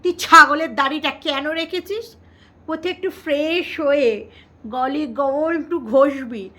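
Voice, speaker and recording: A woman's voice: high-pitched, measured pace, sharp tone. A woman vlogger, chatting to her viewers in a teasing way and repeating words in a sing-song. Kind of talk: casual commentary to viewers.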